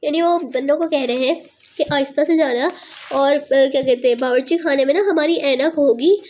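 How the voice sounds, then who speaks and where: A young woman with a high voice reads a comic story aloud. She keeps pausing to retell each line in plainer words, filling the gaps with "I mean" and small restarts. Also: darkish tone, a little hiss or hum. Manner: stops often to rephrase each line in simple words, with many fillers. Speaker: reader explaining a story.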